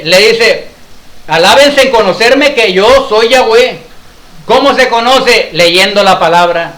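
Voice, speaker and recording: Guy preaching a sermon, high bright voice, keeps asking and answering himself, echoey room. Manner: emphatic, repeats points and asks rhetorical questions. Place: congregation hall.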